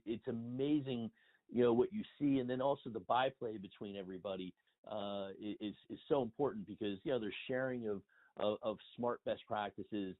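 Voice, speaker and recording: A middle-aged industry consultant and blogger joins a conversational phone interview remotely as a guest, speaking in a wordy, emphatic way. His voice is on the low side, and the audio is narrow and tinny.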